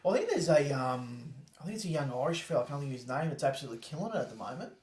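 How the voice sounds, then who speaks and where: A man's voice: medium pitch, sing-song, very fast, darkish tone. An Australian man co-hosting a casual chat in an agreeable, matey, sweary way. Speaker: podcast co-host. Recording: roomy, echoey sound.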